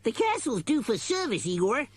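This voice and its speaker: A man voicing a childish, bossy and excitable vampire duck count in a storybook reading, self-important and quick to take offence. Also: extremely high pitch, breathy edge, no echo, pitched above the performer's own voice, heavily acted. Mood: impatient.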